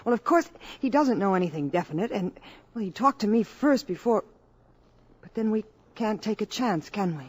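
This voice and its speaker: An actress playing an earnest, anxious young mother in a 1950s radio drama, soft and hesitant, pleading at times. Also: medium pitch, lively intonation, moderate pace, slightly rough. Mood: worried.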